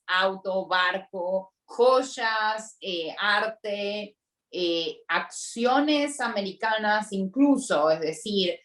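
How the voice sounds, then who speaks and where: Casting: woman, measured explainer, roomy echo, set back from the mic. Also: medium pitch. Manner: explanatory, emphatic, repeats key points. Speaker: tax lawyer, panelist. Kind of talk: webinar explanation. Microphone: video call. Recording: echoey room, distant from mic.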